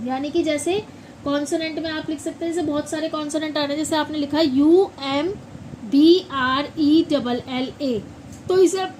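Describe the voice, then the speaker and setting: A woman teaching English pronunciation in a classroom style, repeating words slowly and asking questions back. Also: high voice, slight background noise, low-quality recording.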